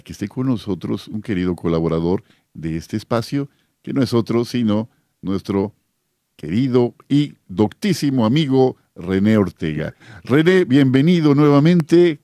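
Devout Mexican radio host. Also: male voice, lowish voice, normal speed, dry recording, clean studio sound. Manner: warm, devout, animated greetings.

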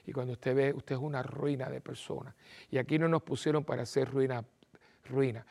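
Gravelly priest. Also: male voice, medium pitch, moderate pace. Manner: animated, acts out little dialogues and repeats phrases for emphasis. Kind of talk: televised sermon talk.

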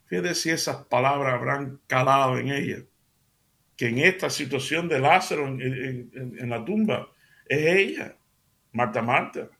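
A man preaches to his radio audience in a relaxed, conversational way, often stopping to restart a sentence or fill a pause. His mid-range voice has a clear gravelly edge. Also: mid-range voice. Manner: conversational, addresses listeners directly with many fillers and restarts. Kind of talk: radio devotional sermon.

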